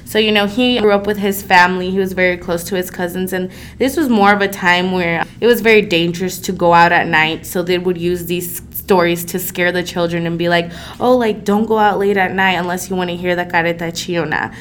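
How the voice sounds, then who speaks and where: A woman's voice: on the low side, fairly even intonation, brisk, few pauses. Young woman telling folk legends. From El Salvador. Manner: conversational, frequent um and you know fillers. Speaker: podcast co-host, storyteller. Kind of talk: casual storytelling of folk legends. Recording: faint background noise.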